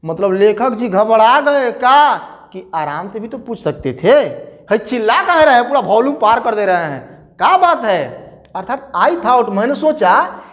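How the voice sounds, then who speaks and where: A male teacher walks students through an English story, mixing languages as he goes. His pitch leaps and falls as he acts out the dialogue, and his delivery stays unhurried. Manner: animated, acts out dialogue with rising questions and exclamations. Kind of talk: bilingual literature lesson, explaining a story line by line.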